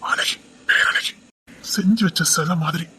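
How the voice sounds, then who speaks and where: A man's voice: high voice, expressive, normal speed, a bit bright, slight background noise. A young man playing a devoted, apologetic lover in a web series drama, coaxing and pleading affectionately. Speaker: actor.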